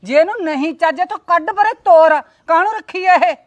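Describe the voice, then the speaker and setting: A woman's voice: sits high, a little fast, a bit bright, muffled recording. A woman playing a scolding, indignant aunt. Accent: Punjabi. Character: sharp-tongued visiting aunt, middle-aged woman.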